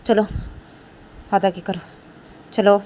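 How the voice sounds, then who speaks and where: A woman voicing an angry, jealous female teacher who scolds and threatens loudly, while telling a story. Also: on the high side, lively intonation, brisk, slight background noise, close to an everyday voice. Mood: scolding. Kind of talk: storytelling role-play.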